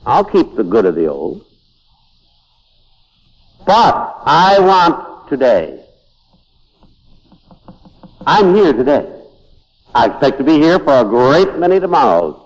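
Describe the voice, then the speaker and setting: A man's voice: fairly high pitch, big pitch swings, slow, pauses often. A man giving an inspirational lecture to an audience in a hall, emphatic and driving home points by repeating words. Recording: dull lo-fi recording with long hall reverb.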